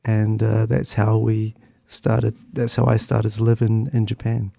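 A middle-aged man's voice, low-pitched and dark with vocal fry, comes with a completely flat delivery. He's an interview guest from Christchurch with a New Zealand accent, reminiscing conversationally, and he pauses and halts as he thinks, speaking hesitantly.

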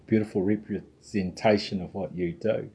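A man's voice: lowish voice, fairly even intonation, moderate pace, vocal fry, warm tone, slightly rough. A man in his sixties with a New Zealand accent, hosting a conversational interview and circling his way towards each question. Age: 60s. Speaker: show host.

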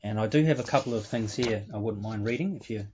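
A man's voice: fairly low pitch, fast talker, a little mellow, lo-fi sound, a little hiss or hum. A man talking as a guest in an interview. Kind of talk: casual interview talk.

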